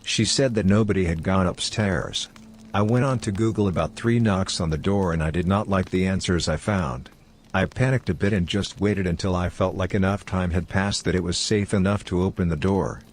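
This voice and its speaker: A man giving a steady first-person narration of online horror stories. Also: deep voice, a little hiss or hum.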